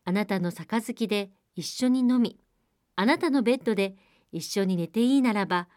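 A woman voicing a squat, persistent male frog who speaks courteously and pleads in drawn-out calls. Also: medium pitch, a little mellow, no echo, studio quality, close to an everyday voice.

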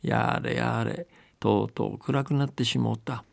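A man doing a gruff old country grandpa. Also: mid-range voice, fairly even intonation, measured pace, no room sound. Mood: uneasy. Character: old male charcoal burner, rustic.

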